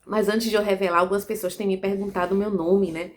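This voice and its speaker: A woman from Salvador, speaking in an earnest, measured way in a reflective monologue to camera, often tagging her sentences with "né". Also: mid-range voice, fairly even intonation, slight background noise. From Salvador, Bahia, Brazil. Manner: earnest, measured, frequent "né" tag questions. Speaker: self-development vlogger.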